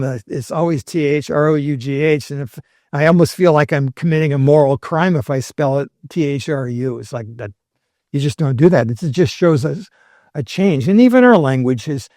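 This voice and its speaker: A man's voice: fairly high pitch, moderate pace, darkish tone, dry recording, studio quality. A man speaking as a historian guest on a podcast, explaining in a conversational lecture style with wry humorous asides.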